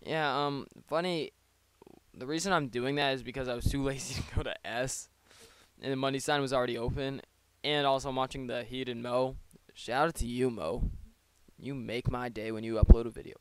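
A man's voice: medium pitch, steady tone, normal speed, smooth, no room sound. A man giving casual, rambling play-by-play of his own online battle, with joking asides, close to a desk microphone. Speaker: league player.

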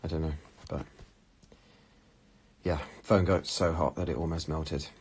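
This young Englishman's voice is extremely low, steady, darkish and slightly rough, delivered at a measured pace. He's chatting animatedly on a casual phone livestream, reading viewer comments and answering questions from a red sofa in a small room, the phone at arm's length.

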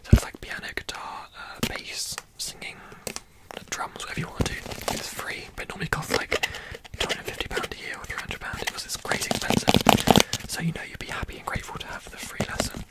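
A young British man chatting casually in a breathy ASMR whisper, rambling and confiding. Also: brisk, poor audio. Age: young adult. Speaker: ASMR video host.

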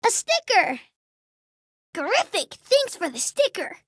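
A cheerful little boy tiger for a children's cartoon game. The voice is very high and swoops in a lively way. The words come slowly and simply, with friendly eagerness. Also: dry recording, studio quality, exaggerated voice. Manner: simple, slow, friendly instruction to young children.

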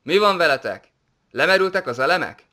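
A man voicing a kind, steady squad commander in an audiobook. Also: mid-range voice. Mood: brusque. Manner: kind, reassuring. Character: calm male squad commander, gentle and firm.

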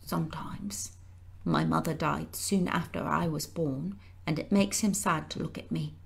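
A woman's voice: deep voice, steady tone, measured pace, gravelly, husky, exaggerated voice. A woman reading aloud and voicing a sickly, lonely young boy in a weak whisper. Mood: forlorn.

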